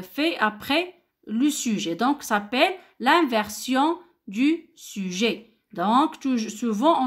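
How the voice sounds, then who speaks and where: With a slightly high, somewhat bright voice, a woman with a Moroccan French accent guides young children through grammar. She speaks slowly and patiently, repeats the key words, and lifts her intonation on each example question.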